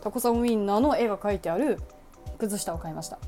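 A woman's voice: mid-range voice, fast, mellow, faint music behind. A young woman chatting casually about her shopping, adding playful sound effects. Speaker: vlogger. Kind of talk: casual shopping haul vlog.

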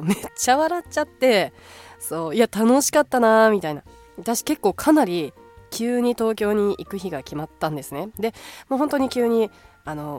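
Woman host, lowish voice, stuffy nasal tone from a blocked nose, chatty, many fillers, faint music under her. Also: a little mellow. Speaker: radio show host. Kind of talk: casual solo podcast radio talk.

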